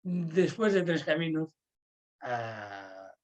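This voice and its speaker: A man telling stories in a friendly chat, his voice sitting a little higher than most men's. He often breaks off and restarts his sentences. He keeps checking in with his listener as he talks. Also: sing-song, very slow. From Portugal. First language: Portuguese. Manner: warm anecdotal, frequent "sabes?" and restarts. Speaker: pilgrim and host. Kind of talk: casual storytelling in conversation.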